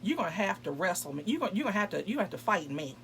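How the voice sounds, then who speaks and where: A woman co-hosting a podcast, telling a comic story in a brash, profane, animated way. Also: on the low side, racing, slight background noise. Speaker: podcast co-host. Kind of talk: casual comedic storytelling.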